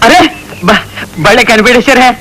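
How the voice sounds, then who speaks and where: An actor playing a chatty, scheming young man, speaking Telugu-accented comic film dialogue in brisk patter. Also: very high voice, noisy background.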